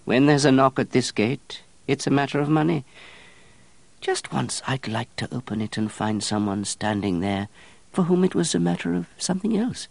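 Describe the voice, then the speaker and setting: A man's voice: mid-range voice, animated, normal speed, creaky, no echo, voice pushed up. A man voicing an easygoing, fussy middle-aged monk who complains in a peevish, rising voice. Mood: fretful. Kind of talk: audiobook character voice.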